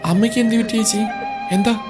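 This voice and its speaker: A man voicing a gentle, caring young wife in a storybook reading, speaking softly and steadily. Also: a little high, fairly even intonation, quick pace, over music, pitched above the performer's own voice, close to an everyday voice. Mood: concerned.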